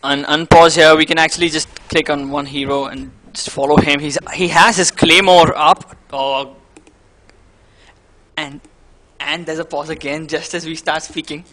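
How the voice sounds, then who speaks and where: A man's voice: on the high side, steady tone, normal speed, sharp tone. A man from India co-casting a live esports match, rambling and conversational, often breaking off mid-sentence. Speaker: guest esports caster.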